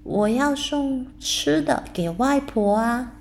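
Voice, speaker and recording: A woman voicing an innocent, cheerful little girl in a bedtime storybook, speaking in an eager, high childlike voice. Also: expressive, takes it slowly, creaky, full character voice.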